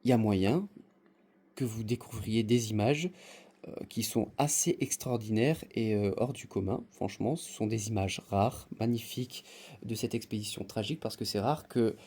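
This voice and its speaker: A man's voice: fairly low pitch, normal speed, mellow, breathy edge. A man hosting a casual unboxing video, rambling and joking, with mock-formal asides and lots of hesitations. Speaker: YouTube host unboxing Lego sets.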